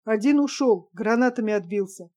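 A woman voicing a guarded young male officer who answers tersely and quietly. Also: on the high side, normal speed, natural voice.

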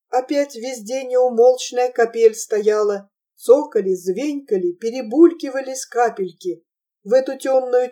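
Mellow-voiced woman reading a novel. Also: a little high. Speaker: audiobook reader. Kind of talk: literary audiobook narration.

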